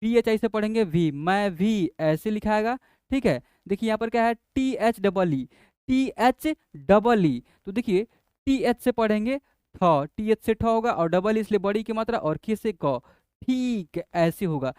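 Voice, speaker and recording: A man's voice: high voice, normal speed, a little mellow, smooth, dry recording, clean studio sound. A man teaching a spelling lesson to children, patiently repeating each point. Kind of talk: explaining a language lesson.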